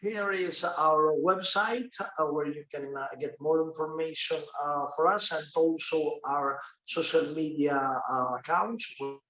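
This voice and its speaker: A man with a fairly high voice presents at a workshop over a video call, halting often with fillers and restarts. His voice rings in an echoey room. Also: sharp tone. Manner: hesitant, many fillers and restarts.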